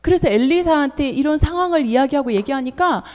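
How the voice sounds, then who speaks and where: A woman's voice: high-pitched, lively intonation, fast talker, darkish tone, big-room sound. A woman preacher giving an afternoon sermon in a church, retelling a story with rhetorical questions.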